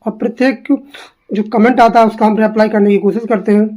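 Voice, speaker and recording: A woman teaching an exam-prep English lesson, echoing her own answers back as questions and reading quoted lines slowly. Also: medium pitch, steady tone, mellow. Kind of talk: quiz answer walkthrough lesson.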